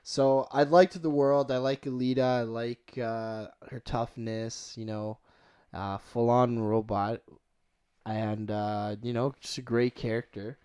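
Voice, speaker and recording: A man co-hosting a movie podcast, talking loosely and haltingly with lots of fillers. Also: mid-range voice, level tone, a little mellow, smooth. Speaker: podcast co-host. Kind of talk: casual movie review chat.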